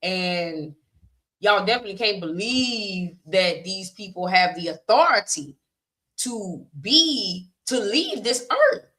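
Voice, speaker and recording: A woman's voice: mid-range voice, lively intonation, slow pace, pushed and bright. A woman co-hosting a podcast, chatting casually, laughing often and pressing her points with emphatic repetition. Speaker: podcast co-host. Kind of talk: casual chat.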